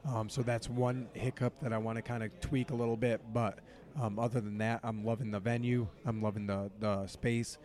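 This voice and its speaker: A man with a hoarse, raspy voice and a dark, mellow tone. He organizes the event and talks it over loosely, full of ums and restarts. He sounds worn and unhurried. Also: mid-range voice. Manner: relaxed, rambling, filler-heavy. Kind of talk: casual podcast interview. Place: convention hall.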